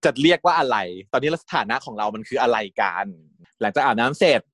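A man's voice: medium pitch, expressive, quick pace, fairly bright tone, no room sound, clean studio sound. A man casually retelling a TV series episode, chatty and giggly, slipping into the characters' lines as he goes. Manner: chatty, giggles often, acts out quotes. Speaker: series recap host. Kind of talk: casual storytelling recap.

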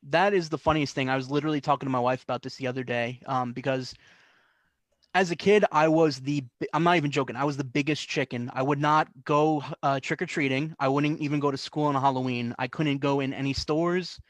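A young adult man from the New York and New Jersey area, a guest artist, tells stories in a casual interview, full of fillers and restarts. His medium-pitched voice is fairly even and quick, and the recording is dry.

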